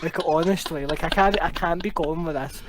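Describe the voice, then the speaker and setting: A man's voice: fairly high pitch, fairly quick, heavy background noise, lightly acted. A man putting on a haughty, easily offended posh young student with a posh Scottish accent. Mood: snooty indignant. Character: snobbish posh young male university student.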